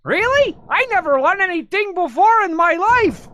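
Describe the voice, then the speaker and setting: An actor voicing a naive little cartoon oddball in a squeaky voice. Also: very animated, moderate pace, pushed and bright, heavily acted. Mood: innocent, eager. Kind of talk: cartoon game acting.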